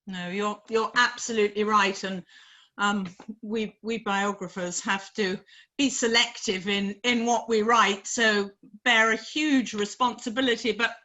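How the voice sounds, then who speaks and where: A woman's voice: medium pitch, fairly even intonation, measured pace, bright, forceful tone, poor audio. A woman, a biographer, moderating a panel discussion and posing long, probing questions with frequent fillers.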